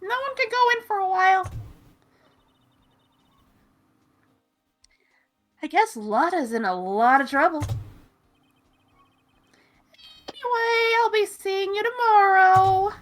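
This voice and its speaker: A player doing a helium-squeaky Detective Gumshoe. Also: sing-song, moderate pace, fairly bright tone, heavily acted. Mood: chatty. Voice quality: high and squeaky from inhaled helium. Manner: hearty, calls people pal. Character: excitable adult male detective, friendly and loud. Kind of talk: live fan voice acting of a game.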